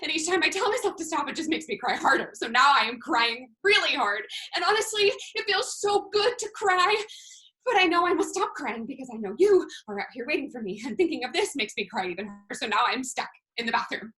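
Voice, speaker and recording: Picture a frazzled young waitress, played by a woman, rattling off her night in one breathless spiral. Her voice sits high and bright, and it teeters on the edge of tears. It is a stage monologue performed over video. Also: very animated, a little fast, exaggerated voice, poor audio. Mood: weepy.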